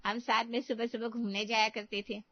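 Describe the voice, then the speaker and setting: A woman's voice: a little high, level tone, no room sound, natural voice. A woman playing a chatty middle-aged female friend from the old neighbourhood in a cartoon story. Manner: chatty, reminiscing. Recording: dull, dry lo-fi.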